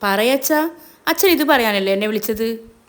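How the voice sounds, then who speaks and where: A woman voicing a distraught grown daughter who pleads loudly and emotionally with her parents, read as a spoken storybook. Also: medium pitch, fairly even intonation, normal speed, lightly acted. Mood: eager.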